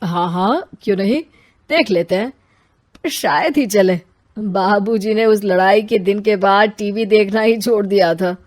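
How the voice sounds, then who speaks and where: A woman voicing a grown son who speaks softly and reflectively. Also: medium pitch, measured pace, lightly acted. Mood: wistful. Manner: soft, reflective. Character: wistful grown son remembering his father.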